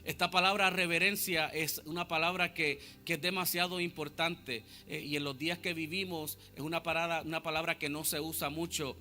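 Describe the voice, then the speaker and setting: A male pastor preaching a sermon, calling out to the congregation for responses and often pausing on filler sounds. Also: a little high, fairly even intonation, bright, forceful tone, faint music behind. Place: church sanctuary.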